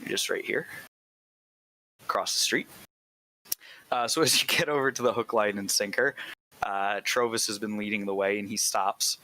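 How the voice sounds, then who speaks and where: A man's voice: on the low side, fairly even intonation, normal speed, pauses often, pushed and bright, no room sound. A man narrating as game master in a loose, rambling casual way. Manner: loose, rambling, laughing asides.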